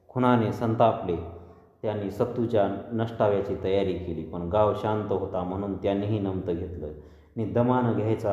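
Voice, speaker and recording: Brief: man narrating an audiobook, very low dark voice, echoey dull lo-fi room with long reverb. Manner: steady, dramatic storytelling.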